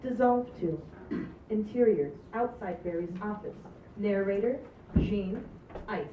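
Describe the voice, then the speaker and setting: Her pitch sits in the middle and she takes her time as she reads stage directions at a table read, sounding plain and amused. The group session is captured in a room with a distant, dull, roomy sound and some noise.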